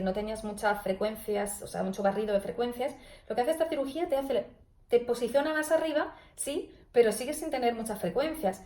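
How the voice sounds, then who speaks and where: A young woman speaks as a speech therapist in a video blog. Her voice sits a little high, and her tone is earnest and cautionary as she explains. The recording carries a noticeably roomy echo. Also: a little mellow.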